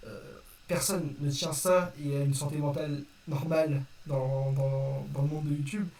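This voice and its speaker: A man's voice: on the high side, little pitch movement, moderate pace, darkish tone. Young man, roomy distant recording. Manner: hesitant, apologetic, explanatory, self-correcting. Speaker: video creator addressing viewers. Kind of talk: casual unscripted vlog explanation. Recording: distant roomy mic with faint noise.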